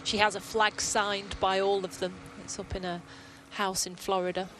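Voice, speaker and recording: A woman's voice: mid-range voice, little pitch movement, normal speed. A woman working as a golf commentator, giving conversational live analysis of play. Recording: outdoor broadcast with background noise.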